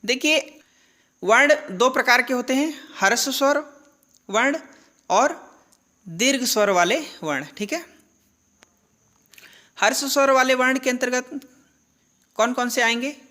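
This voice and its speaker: A woman's voice: sits high, measured pace, long pauses, sharp tone. A woman teaching a grammar lesson, who asks questions and answers them herself and repeats the key terms. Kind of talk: classroom-style lesson.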